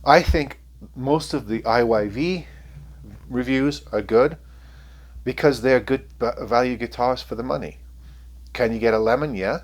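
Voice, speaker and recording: A man's voice: medium pitch, unhurried, pauses often. A man reviewing guitars, talking to camera in a frank, rambling way with many fillers and a sniffly voice. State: sniffly from allergies. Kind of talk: casual talk to camera.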